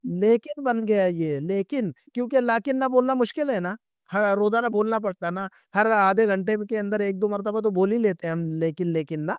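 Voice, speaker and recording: High-voiced man teaching Arabic. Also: clean tone, dry recording, studio quality. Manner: patient, repeats and checks with students. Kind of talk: online class lecture.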